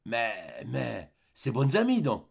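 A man's voice: mid-range voice, wildly swooping pitch, slow pace, vocal fry, husky, exaggerated voice. A man voicing a hesitant stout housemaid. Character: stout anxious housemaid, middle-aged woman.

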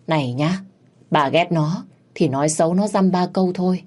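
A woman's voice: fairly low pitch, moderate pace, dark tone, lightly acted. A woman voicing a reproachful old husband who scolds his wife.

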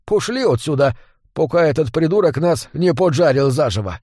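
A man's voice: on the high side, lively intonation, moderate pace, a little mellow, dry recording, clean studio sound. A man voicing a grumpy, blunt male dwarf who grumbles and gives orders. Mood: grumbling. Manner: gruff, grumbling.

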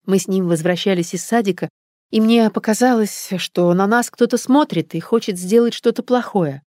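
A woman's voice: mid-range voice, moderate pace, mellow, no room sound, clean studio sound, pitched above the performer's own voice, natural voice. A woman reading a young mother who confides her fears to her husband in a rueful, guilty way.

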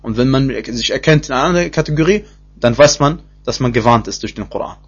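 A man giving a spoken lesson in Quran commentary, repeating himself with many fillers and restarts, and slowing into chant-like Arabic phrases. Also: medium pitch, expressive, slight background noise. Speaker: Quran teacher. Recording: dull lo-fi recording.

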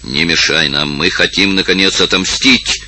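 A man reading aloud and voicing a vengeful male rebel villager who shouts defiantly. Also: deep voice, moderate pace, a little hiss or hum, low-quality recording. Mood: furious.

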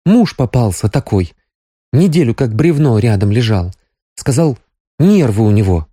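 In an audiobook, a tearful, spirited young woman doctor, as a male reader puts her on speaks in a raised, lively, swooping voice. Her tone stays mellow, and the recording is dry and close. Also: moderate pace, breathy edge, no room sound. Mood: bitter. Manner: raised falsetto-like voice, sobbing, emotional. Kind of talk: audiobook character reading.

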